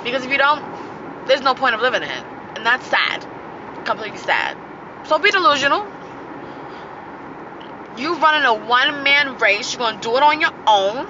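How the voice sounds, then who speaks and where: A woman with a fairly high voice hosts a loose, slangy motivational podcast, laughing between her thoughts. The sound is muffled and a little dull. Traffic noise from a street runs clearly behind her. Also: expressive, moderate pace, long pauses. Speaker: podcast host. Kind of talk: casual motivational monologue.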